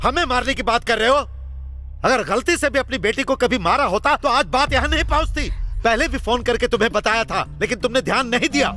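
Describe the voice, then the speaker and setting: A man's voice: very high voice, lively intonation, fairly quick, sharp tone, soft background music, exaggerated voice. An actor dubbing a stern male college principal who lectures and accuses the parents. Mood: angry. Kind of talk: Hindi film dub.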